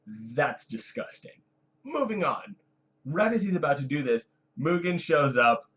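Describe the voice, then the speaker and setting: A man co-hosting a casual podcast, calmly retelling episodes with wry asides. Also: a little high, measured pace. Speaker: podcast co-host. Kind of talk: casual recap chat. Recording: dull lo-fi sound.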